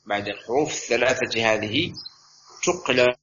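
A man teaching an Arabic grammar lesson, explaining step by step and slowly repeating each word form. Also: medium pitch, fairly bright tone. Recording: slightly dull recording with faint noise.

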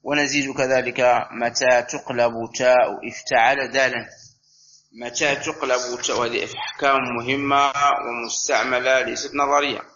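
A man teaching an Arabic grammar lesson, explaining step by step and slowly repeating each word form. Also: medium pitch, level tone, bright, forceful tone. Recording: slightly dull recording with faint noise.

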